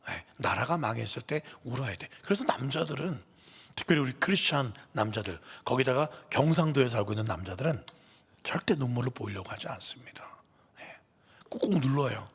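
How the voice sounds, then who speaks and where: A male pastor preaching an emotional sermon. He swings between loud outbursts and whispers. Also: mid-range voice, lively intonation, a little fast, slightly rough. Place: church sanctuary. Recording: long reverb of a church hall.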